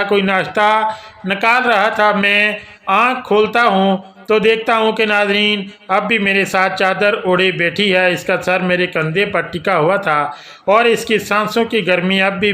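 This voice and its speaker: A man telling a romantic audio novel in the first person, in steady, scripted storytelling. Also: high voice. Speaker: narrator.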